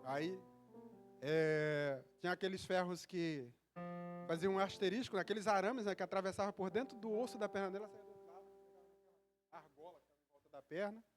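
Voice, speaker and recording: A male pastor preaching a sermon, telling a personal story in a loose, conversational way that builds into fervent, loud preaching. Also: high-pitched, fairly quick, music in the background.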